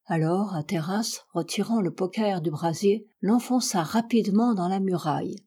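A woman reading a classic adventure novel aloud in a steady, measured narration. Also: mid-range voice, husky. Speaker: audiobook reader.

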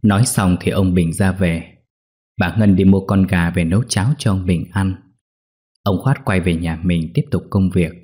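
A man narrating a ghost story in an expressive storytelling way. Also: low voice, normal speed, breathy edge.

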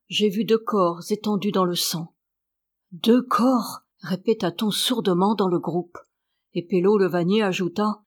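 Female audiobook narrator, mid-pitched, steady reading with animated dialogue lines.

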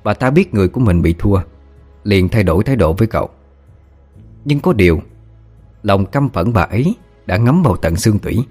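A man tells a spooky tale as an audiobook, keeping his storytelling calm and even. His voice sits very low. Faint music plays behind him. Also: brisk, long pauses, slightly rough. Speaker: audiobook narrator. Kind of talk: storytelling narration doing all voices.

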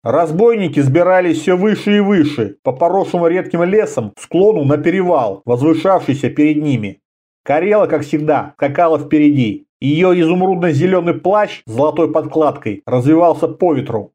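A man narrating an audiobook in a lively storytelling manner. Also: a little high, normal speed. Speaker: audiobook reader. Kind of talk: scripted narration.

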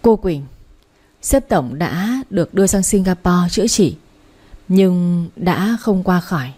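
A formal male assistant gives somber news, read by a woman narrator. The voice is mellow and husky, measured and polite. It is a storybook reading. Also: lowish voice, animated, full character voice.

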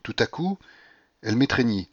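A man reading a classic novel aloud in steady, measured audiobook narration. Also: medium pitch, dry recording, highs cut off. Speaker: audiobook reader.

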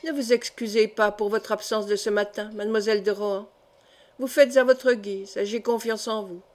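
A woman's voice: mid-range voice, steady tone, moderate pace, a little mellow, natural voice. A woman reading the part of an old, feverishly exalted count in an audiobook, with an emphatic, proud delivery. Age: older.

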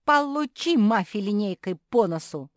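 Woman doing a shrill, cheeky little pug girl. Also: lively intonation, a little slow, dry recording, clean studio sound, close to an everyday voice. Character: feisty youngest pug sister, girl.

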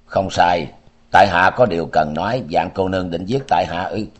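A proud young swordsman answers with formal, defiant courtesy, as a man reading the story voices him. His voice is deep. It plays out in a martial-arts audiobook. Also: moderate pace.

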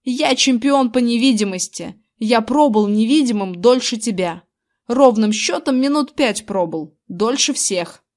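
A woman's voice: on the high side, animated, unhurried, a little mellow. A woman reading aloud, voicing a brash, boastful young boy who brags and whines, in a slightly raised voice. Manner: whiny, then swaggering and bragging. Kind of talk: audiobook character reading.

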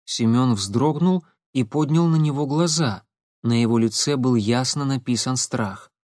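Male audiobook narrator, mid-pitched and steady, close dry recording. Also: measured pace, dry recording.

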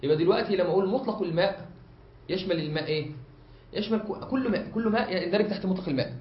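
A higher-pitched man with an Egyptian accent teaches a classroom lesson as a sheikh, building each point step by step and checking that his students follow. He leans on drawn-out hesitation fillers between phrases. The recording is dull and lo-fi, with plenty of room echo. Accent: Egyptian Arabic. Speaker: sheikh teaching a study circle. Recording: echoey room, dull lo-fi sound.

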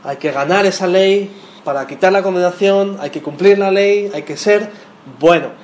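A fairly high-voiced man gives a sermon in a roomy, echoing hall with a faint hum of ambience behind him. He preaches in a lively way, throwing questions at the people listening and pressing them to answer. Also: normal speed. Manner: lively, talks with the audience, asks questions. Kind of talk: sermon teaching. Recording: echoey room with faint ambience.

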